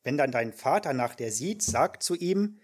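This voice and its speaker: A man voicing a crafty male adviser in a scripture reading, husky and plain. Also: fairly high pitch, lively intonation, measured pace. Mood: scheming. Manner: plain read-aloud delivery. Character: crafty male adviser giving sly advice.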